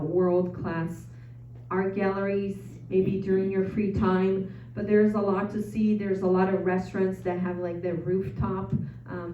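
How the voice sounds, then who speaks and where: At a travel info session, a woman with a Brazilian Portuguese accent, Portuguese being her native tongue, talks casually to a live audience, chatty, self-deprecating, and full of ums and uhs. She has a lowish, warm voice. The meeting room recording is distant, echoey, and dull, with slight background noise.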